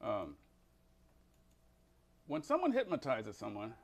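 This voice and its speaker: Emphatic male self-help counselor. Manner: emphatic and animated, swinging to a slow, low, calm voice for his hypnosis examples. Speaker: behavior change counselor. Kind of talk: motivational self-help talk.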